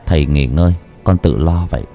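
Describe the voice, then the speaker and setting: A man's voice: extremely low pitch, fairly quick, vocal fry, dull audio, faint music behind. A man voicing a weakened young man who speaks in a trembling, respectful way.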